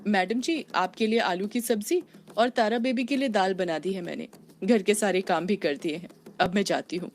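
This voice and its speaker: A woman's voice: mid-range voice, moderate pace, a little hiss or hum, natural voice. A woman voicing a dutiful, apologetic female housekeeper who speaks politely to her employer. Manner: polite, deferential.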